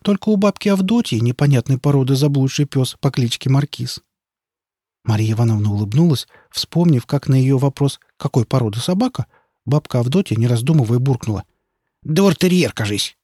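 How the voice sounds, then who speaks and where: A man reading a children's story aloud with lively, expressive narration. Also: medium pitch, fairly quick, no room sound, studio quality.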